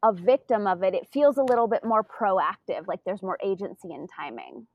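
A woman co-hosting a podcast, engaged and quick to chime in with questions. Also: mid-range voice, expressive, no room sound, muffled recording. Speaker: podcast co-host. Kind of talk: casual spiritual conversation.

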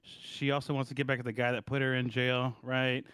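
Man, podcast co-host, casual rant, smooth clear voice, dry close sound. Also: medium pitch, flat delivery, brisk, a bit bright, no room sound. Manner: rambling, profane, lots of "right?" and "like". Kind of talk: casual movie review chat.

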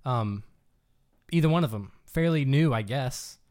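A man's voice: mid-range voice, lively intonation, a little slow, darkish tone. A man hosting a casual podcast, upbeat and teasing as he steers the conversation. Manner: upbeat, teasing, leads the talk. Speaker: podcast co-host. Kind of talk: casual chat.

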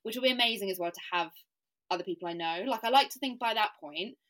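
A woman's voice: medium pitch, quick pace, fairly bright tone. A chatty woman from England, in her thirties. She talks at an easy conversational clip, scattering "like" through her sentences and laughing at herself. Her voice sits mid-range, a podcast guest telling her story. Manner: chatty, self-deprecating, laughs often, lots of "like".

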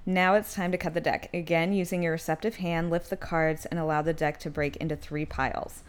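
A young woman with a lowish voice co-hosts a casual podcast. She reads guidebook instructions aloud and drops chatty asides between them, laughing easily. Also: fairly even intonation, fairly quick, smooth. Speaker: podcast co-host.

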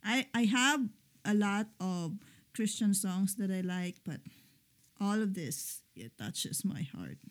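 A middle-aged woman co-hosting a casual chat show, talking slowly and hesitantly with frequent pauses. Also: mid-range voice, animated. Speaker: podcast co-host.

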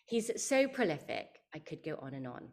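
A woman hosting a podcast, reading a prepared introduction in a measured, clear way. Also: low-pitched, sing-song. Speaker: podcast host.

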